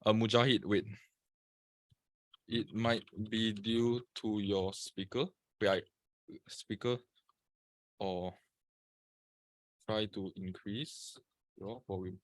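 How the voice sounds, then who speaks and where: A man's voice: lowish voice, fairly even intonation, takes it slowly, pauses often, dry recording. Male webinar presenter from Singapore, casual and chatty, greets viewers by name, dry computer-mic sound. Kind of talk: live webinar talk.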